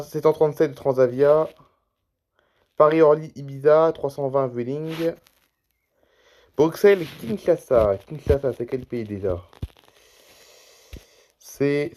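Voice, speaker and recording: Worn-out youtuber guy rambling over a screen recording, chatty, calling out flight routes, mid pitch. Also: darkish tone. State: tired. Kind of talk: casual screen-recording commentary.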